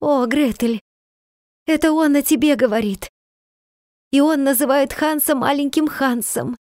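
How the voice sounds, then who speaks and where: A woman's voice: unhurried, no echo, studio quality. A woman voicing a joyful, tearful peasant mother. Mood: overjoyed. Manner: excited, high, breathless exclamations.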